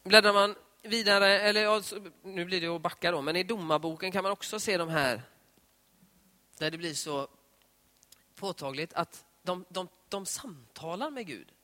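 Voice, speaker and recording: A man giving a conversational devotional talk on prayer, retelling scripture scenes in lively voiced dialogue. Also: high-pitched. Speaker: preacher. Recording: long hall reverb.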